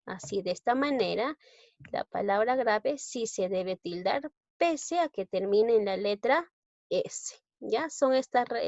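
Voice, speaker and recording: A woman's voice: medium pitch, a little mellow, no room sound. A woman teacher with a Peruvian Spanish accent, patiently explaining a grammar lesson step by step and often checking in with short tag questions. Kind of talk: recorded online grammar lesson. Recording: dull lo-fi recording.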